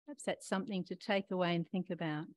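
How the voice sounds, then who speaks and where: An older woman preaching a gentle, reflective sermon, talking straight to her listeners and asking them questions. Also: fairly low pitch, quick pace, no room sound. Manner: warm questioning, talks to listeners directly.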